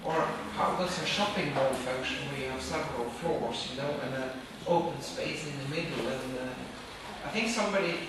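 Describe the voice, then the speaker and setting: A middle-aged woman from Norway answering questions after an academic talk in a large auditorium, thoughtful and halting, with fillers and restarts. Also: very deep voice, distant mic. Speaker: workshop speaker. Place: large wood-paneled auditorium, on a stage at a podium. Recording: echoey hall picked up from afar, with background noise.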